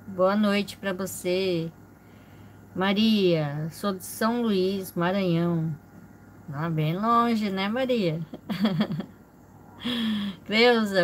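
A Brazilian woman in her forties chats slowly with her live audience, reading out names and greeting each person. She talks into a close camera in a room at home, with a faint hiss underneath. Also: medium pitch, low-quality recording. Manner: slow, chatty, greets viewers by name with frequent small laughs. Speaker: livestream host. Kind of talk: casual live chat reading viewer comments. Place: indoor home room with a fish tank.

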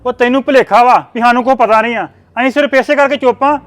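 A man's voice: very high voice, quick pace. An actor playing a brother who confronts his sister's husband. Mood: confronting. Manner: confronting, demanding.

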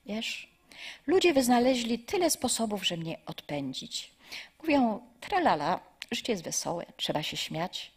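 A woman voicing Sadness as a gloomy, lonely male figure in a spoken story, complaining in a plaintive, breathy voice. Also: fairly high pitch, sing-song, measured pace, pitched above the performer's own voice, exaggerated voice.

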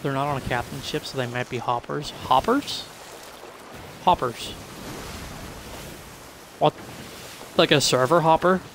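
Talking fast with hardly a pause, this man has a mid-range voice and streams a game live for his viewers. He chats, reasons aloud, and reacts to surprises while ocean and ship noises from the game play behind him.

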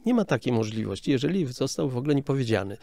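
An older man speaks as an interview guest, a film sound director explaining his work. His voice is gravelly, sitting at a middle pitch, and the sound is dry and close. He talks in a hesitant, explanatory way, often breaking off and restarting words. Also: very animated, very fast, mellow, dry recording. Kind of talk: casual interview talk.

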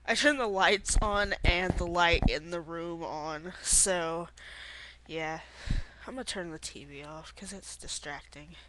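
Young female vlogger, sleepy and giggly, rambling through a slow late-night video diary with a bright tone. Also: lowish voice, slight background noise. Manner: rambling, giggly, lots of filler words. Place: bedroom at home. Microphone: laptop webcam.

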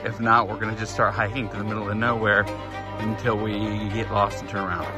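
A man's voice: fairly low pitch, level tone, brisk, over music. A man in his thirties chatting through a travel vlog, upbeat with lots of fillers, filming himself on a phone at arm's length. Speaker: travel vlogger. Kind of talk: casual travel vlog narration. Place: outdoors and in a museum.

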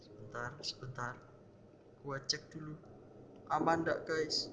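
A man's voice: fairly high pitch, fairly even intonation, measured pace, background noise. A young man giving casual, tense commentary on a horror game he is playing, talking to his viewers. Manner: jumpy, tense, keeps addressing viewers as guys. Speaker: gameplay streamer.

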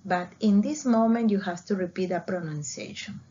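A woman teacher giving a bilingual English lesson, spelling out words and repeating them slowly. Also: medium pitch, mellow, slight background noise. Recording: dull lo-fi recording.

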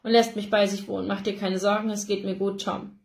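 A woman reading out a young man's hurried farewell note in a brisk, offhand tone. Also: medium pitch, flat delivery, gravelly, reverberant, lightly acted. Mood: breezy.

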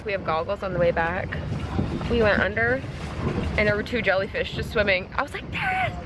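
A young woman talks casually to a handheld camera while out on the coast and on a boat. Her voice sits at a middle pitch and her delivery is upbeat and playful. Loud outdoor wind and ambient noise run underneath. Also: fairly quick. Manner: chatty, upbeat, fond of mock Italian greetings. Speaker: vlogger on honeymoon. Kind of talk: casual travel vlog chat.

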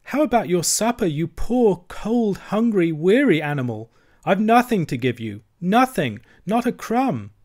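A downcast little mole, moaning and self-pitying, his voice pitched up high and wavering, as a man reading a storybook puts him on. He sounds gloomy and forlorn. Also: sing-song, fairly quick, few pauses, breathy edge. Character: gloomy homesick male mole.

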